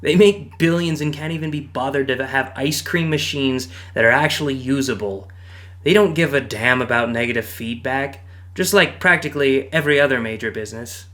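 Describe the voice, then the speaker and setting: A man's voice: mid-range voice, sharp tone. A man hosting a show, reading online posts aloud and joking about them, often laughing between lines. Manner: jokey, laughs often, quick asides. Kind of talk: casual read-aloud with commentary.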